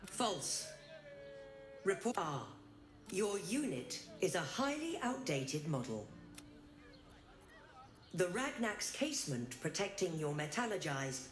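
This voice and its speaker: An imperious steel guard machine in a fantasy game. It talks slowly and formally with wide, swooping intonation, in a reverberant space over music. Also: female voice, fairly low pitch, sing-song. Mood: cold, officious. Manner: formal, clipped, officious. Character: cold, officious mechanical steel sentry, imperious. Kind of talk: video game character acting.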